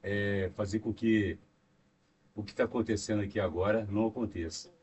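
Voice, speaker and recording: A man's voice: fairly low pitch, fairly even intonation, normal speed, darkish tone. A Brazilian man co-hosting a podcast speaks devoutly and rambles, leaning on frequent fillers. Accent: Brazilian Portuguese. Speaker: podcast co-host. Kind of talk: devout casual conversation. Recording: distant mic with faint noise.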